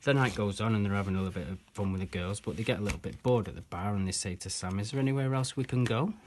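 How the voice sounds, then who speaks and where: Male magician, low-pitched, chatty and rambling, storytelling patter over a card trick, faint hiss behind. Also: steady tone, racing. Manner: chatty, rambling, strings quotes with "he says".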